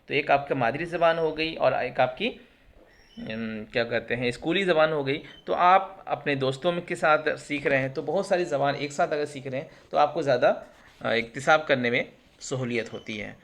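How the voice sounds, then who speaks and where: A man's voice: fairly high pitch, a bit bright. A male teacher explains test questions, asking and answering his own questions and glossing terms in English. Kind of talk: exam prep lesson.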